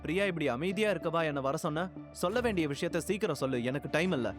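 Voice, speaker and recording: A man voicing an impatient, defensive young man in an audiobook drama, speaking in a brusque, hurried way. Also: on the high side, animated, over music, voice pushed down, lightly acted. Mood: irritated.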